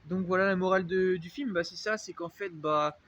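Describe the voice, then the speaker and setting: A man's voice: high-pitched, fairly quick, a bit bright, highs cut off. A young man from France with a French accent, chatting loosely in a casual vlog, rambling with lots of fillers and restarts. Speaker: vlogger. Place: dark unlit spot, vehicle noise around.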